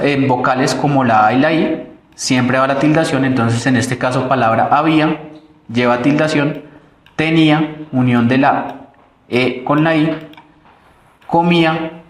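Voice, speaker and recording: A man's voice: medium pitch, reverberant. A man with a Colombian accent teaching a recorded online grammar lesson, explaining step by step with fillers and restarts.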